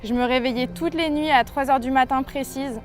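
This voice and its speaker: A young Frenchwoman in her twenties gives an earnest faith testimony to the camera, telling her story in a hesitant, reflective way. She speaks a little fast in a high voice with fairly even intonation, and soft music plays in the background.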